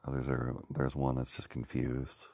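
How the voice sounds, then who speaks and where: A man musing slowly and haltingly, searching for words with many pauses and fillers. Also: a bass voice, completely flat delivery, creaky, dark tone, dry recording. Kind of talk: rambling reflective talk.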